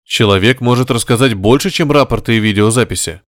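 A man's voice: medium pitch, a little fast, dry recording, close to an everyday voice. Man playing a blunt male officer, curt, firm, dry recording.

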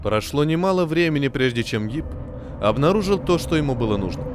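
A man narrating an adventure novel with expressive, varied intonation. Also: medium pitch, a little fast. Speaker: audiobook narrator. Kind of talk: scripted narration. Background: soft music.

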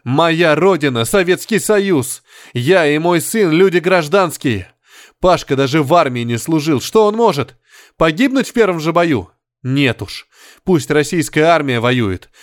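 A man's voice: a little high, expressive, measured pace, no echo, clean studio sound, voice pushed up. A man voicing a grieving middle-aged male doctor who speaks in a raised, bitter, agitated way. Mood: outraged.

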